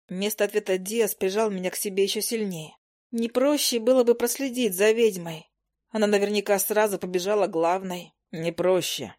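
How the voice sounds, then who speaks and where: A woman's voice: medium pitch, darkish tone. Woman narrating an audiobook. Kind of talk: scripted first-person narration.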